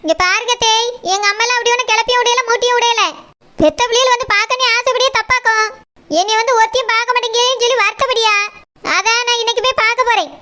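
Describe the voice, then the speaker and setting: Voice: extremely high pitch, steady tone, bright, forceful tone. Kumari, a cheeky cartoon daughter-in-law. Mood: defiant. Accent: Kanyakumari Tamil. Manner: talks back, quick and cheeky. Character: young village daughter-in-law, sharp-tongued and defiant.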